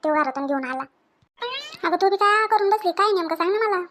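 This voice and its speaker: A middle-aged woman with a very high voice, playing a scolding mother-in-law in a home drama. She fires off demanding questions at a fast clip. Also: expressive, a bit bright, slight background noise. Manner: scolding, demanding, quick-tempered.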